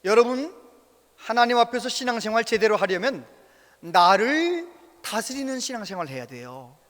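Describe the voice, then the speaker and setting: A man preaching a sermon as pastor, telling stories with animated, acted-out voices. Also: very high voice, normal speed. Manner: animated storytelling, acts out quoted voices. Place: church sanctuary. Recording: reverberant church hall.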